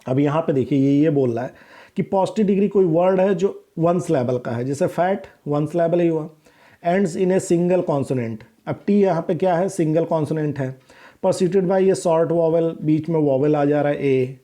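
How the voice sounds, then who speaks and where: A man teaching an English grammar lesson, explaining in Hindi and slowly reading out English rules, often checking in with "theek hai" and correcting himself. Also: on the high side, warm tone. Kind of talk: recorded classroom lesson.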